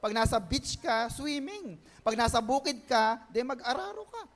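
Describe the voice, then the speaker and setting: A male pastor with a Filipino accent, preaching a Bible-teaching sermon and mixing Tagalog with English. He often asks the church for an amen and draws key phrases out slowly. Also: very high voice, big pitch swings. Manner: mixes Tagalog and English, calls for amens, stretches key words slowly.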